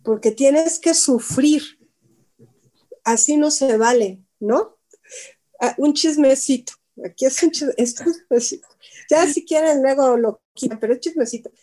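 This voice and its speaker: Lady running a little workshop talk, asks the room stuff, repeats words a lot, high voice. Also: measured pace, mellow. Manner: chatty, asks listeners direct questions, repeats words for emphasis. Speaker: workshop speaker. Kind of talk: informal talk to a small group.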